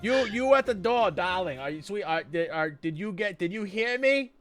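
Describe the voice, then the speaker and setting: A man voicing a chatty, doting auntie librarian with a raspy New York smoker accent. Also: sits high, animated, normal speed, fairly bright tone, soft background music, voice pushed up.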